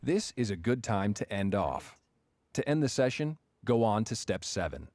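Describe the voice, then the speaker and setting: A man giving a scripted instructional narration, explaining each step clearly. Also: lowish voice, sing-song, normal speed, a little mellow, dry recording.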